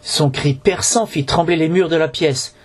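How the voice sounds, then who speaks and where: A man's voice: a little high, moderate pace, breathy edge. A man reading a storybook aloud in French, narrating with occasional slips and restarts.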